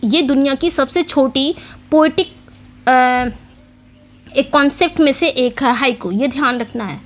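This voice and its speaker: Woman teacher with a high voice, exam-prep lecture, quiz-style questions and repetition. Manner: explains in Hindi mixing English terms, repeats key points with quiz questions; reads English question text slowly. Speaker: English literature teacher.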